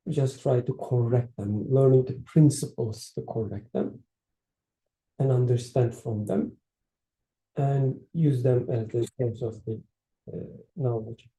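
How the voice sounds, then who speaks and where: In a casual study-circle discussion, a male researcher speaks slowly in a dark, medium-pitched voice. He sounds thoughtful and hesitant, using fillers and restarts, and the room is echoey.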